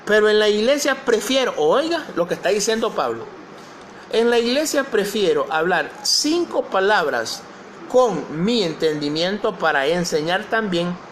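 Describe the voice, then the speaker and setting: A man's voice: high-pitched, big pitch swings, unhurried, a bit bright, a little hiss or hum. A male pastor preaching a sermon, posing questions to the congregation and reading scripture aloud.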